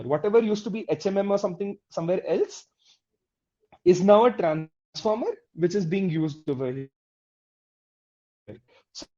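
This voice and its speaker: A teacher with a mellow, relaxed voice leads a live online coding class and walks through each step patiently. They keep checking that the class is following and put questions to the students. The audio sounds dull and lo-fi. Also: medium pitch. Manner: explains step by step, often checking in with "okay?" and "right?"; addresses the class directly with questions. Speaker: instructor.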